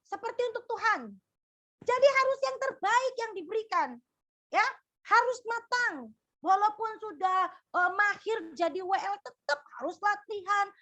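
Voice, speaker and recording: A woman's voice: very high-pitched, a bit bright. A middle-aged woman giving a firm, admonishing sermon-style lecture to ministry students, tagging her sentences with a frequent "ya". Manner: firm, admonishing, repeats "ya" often.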